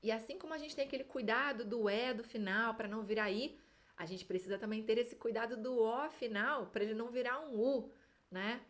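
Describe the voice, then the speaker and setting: A woman with a Rio de Janeiro accent teaching a Spanish pronunciation lesson, modelling sample words slowly and with exaggeration. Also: fairly high pitch. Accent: Rio de Janeiro Brazilian Portuguese. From Brazil.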